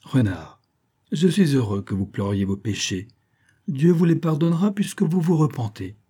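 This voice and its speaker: A man's voice: a little high, animated, normal speed, mellow, breathy edge, voice pushed up. A man voicing a sly, wary male cat who teases with mock piety in a storybook reading. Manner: mock-pious, smug and teasing.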